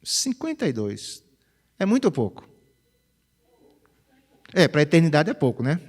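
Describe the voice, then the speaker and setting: A man preaches in a chatty, animated way, often tagging his phrases with a questioning "né?". His voice sits somewhat high, and his pitch swings widely. The sound carries the long reverb of a church hall. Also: unhurried. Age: 50s. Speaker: pastor. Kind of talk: conversational sermon. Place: church sanctuary.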